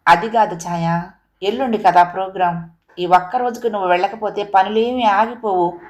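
A woman's voice: mid-range voice, normal speed, dull audio, close to an everyday voice. Woman playing a hurt, reproachful husband. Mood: pleading. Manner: earnest, reproachful pleading. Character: feverish hurt husband, pleading then angry.

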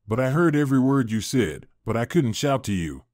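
A man's voice: mid-range voice, very animated, brisk, darkish tone, no echo, clean studio sound, natural voice. A man reading the part of a young woman just out of a coma, speaking in a slightly raised, emotional and weary voice. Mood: tearful.

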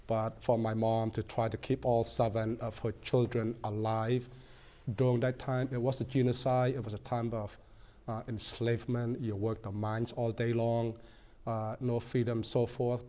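A man in his forties, born in Cambodia, telling his story as a guest in a TV studio interview, earnest and measured with frequent ums. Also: mid-range voice, little pitch movement, mellow. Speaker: guest, political candidate. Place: small TV studio set.

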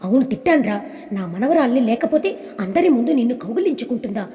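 A woman's voice: fairly high pitch, expressive, fast talker, big-room sound, highs cut off, close to an everyday voice. A woman voicing a stern grandmother who sharply scolds her granddaughter. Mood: scolding.

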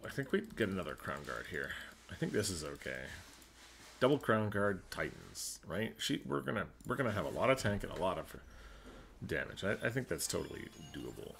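Gravelly deep-voiced man muttering over gameplay. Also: sing-song, brisk, fairly bright tone, a little hiss or hum. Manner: thinks aloud, mutters to himself. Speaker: gaming streamer. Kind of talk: casual gameplay commentary.

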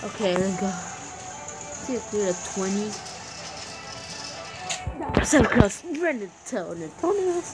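A female gamer commentates casually over game music, talking at a slow pace. The delivery is excitable, slipping between exclamations and muttering, and R sounds come out imperfectly. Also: medium pitch, low-quality recording. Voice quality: difficulty saying R sounds. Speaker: gaming video maker.

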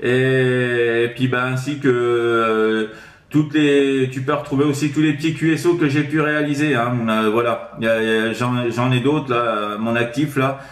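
This ham radio operator talks in a mid-range, fairly even voice at normal speed, the sound roomy inside his sixth-floor home flat. His casual contact chat is repetitive, with phrases ending on tag words.

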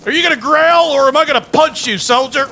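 A man playing a loud, bossy, swearing drill sergeant in an online game, barking orders with a strained delivery. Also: very high voice, fast talker. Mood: bossy, taunting. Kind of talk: improvised in-game role-play over voice chat. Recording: voice over loud game battle noise.

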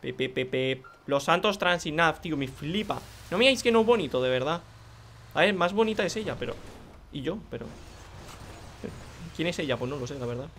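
Excitable young man from Spain, bright voice. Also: a little high, a little fast, a little hiss or hum. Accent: Spain Spanish. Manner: excitable, joking, frequent exclamations. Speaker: gaming video creator. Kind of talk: casual gameplay commentary.

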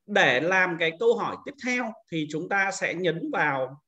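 A man leads a screen-recorded software tutorial for fellow teachers, taking each step patiently in order. His voice sits high and sounds bright and forward. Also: expressive, moderate pace. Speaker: teacher trainer.

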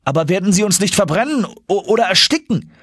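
Guy voicing a panicky young fella, way up high, keeps firing off scared questions, storybook reading. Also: expressive, quick pace, fairly bright tone, breathy edge, dry recording, studio quality, exaggerated voice. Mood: alarmed. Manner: high, alarmed, pressing questions. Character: anxious young man Axel, excitable.

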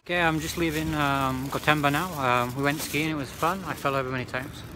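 This travel vlogger is a British man in his twenties, chatting casually to an arm's-length phone at a station and on a ski slope, with lots of "like." His voice is fairly high and fairly even in intonation, and his delivery is brisk. Outdoor noise fills the phone recording.

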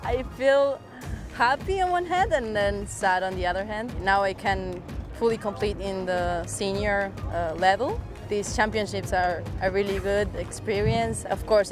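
Earnest young woman athlete. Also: medium pitch. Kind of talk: interview answers.

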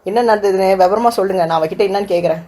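A woman voicing a gentle, patient young housewife, husky. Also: mid-range voice, racing, close to an everyday voice. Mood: polite. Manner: polite, soothing, respectful. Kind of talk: cartoon voice acting.

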